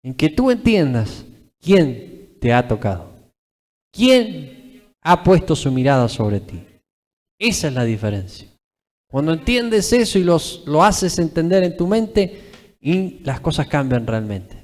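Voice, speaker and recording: In a reverberant church hall, a young man with an Argentine accent delivers a live sermon, emphatic and repetitive, tacking a questioning "¿eh?" onto his phrases. His slightly high, somewhat mellow voice is sing-song and slow, with long pauses.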